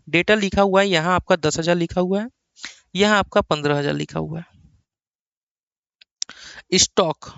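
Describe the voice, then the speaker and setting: A man's voice: on the high side, creaky, fairly bright tone, smooth, no echo, lo-fi sound. A man from India teaching accounting in a classroom-style lecture, coaxing and repeating points for his students.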